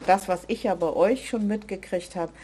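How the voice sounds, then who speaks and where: An earnest woman speaks about her volunteer work in an even, mid-range voice. She keeps stressing her points and checks in with tag questions, in a relaxed interview tone. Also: medium pitch, moderate pace, a little hiss or hum. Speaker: volunteer organizer of a refugee meeting place. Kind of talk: conversational interview.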